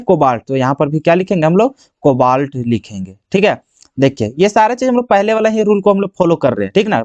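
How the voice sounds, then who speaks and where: A high-pitched man walks students through exam chemistry, firing off questions and answering them in the same breath. The sound is dry and close, with no room around him. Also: a little mellow, no echo. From Jharkhand, India. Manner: asks the class questions and answers them himself. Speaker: chemistry teacher. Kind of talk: exam-prep classroom lesson.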